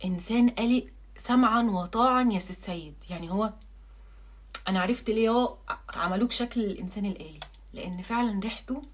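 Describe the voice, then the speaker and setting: A young woman with an Egyptian Arabic accent, a beauty blogger selling perfumes in a casual vlog, talking in an animated, jokey way and repeating words for emphasis. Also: medium pitch, fast talker.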